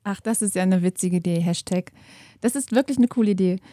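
A woman's voice: mid-range voice, a little fast, dark tone, no room sound, clean studio sound. A woman hosting a university podcast, asking encouraging questions. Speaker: podcast host.

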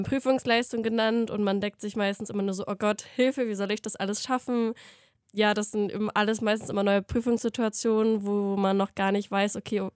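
A woman's voice: mid-range voice, no echo. A woman in her mid-twenties speaks in a reflective, reassuring way as a student guest. The recording is dry, with the mic close. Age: 20s. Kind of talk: podcast chat.

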